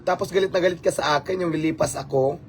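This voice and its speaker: A man hosts a casual livestream, his voice a little higher than most men's. He talks in a lively, rhetorical way, firing questions at his audience and slipping into English. Faint ambient noise sits under his voice. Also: fast. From Philippines. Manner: animated, rhetorical, mixing in English. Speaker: livestream host.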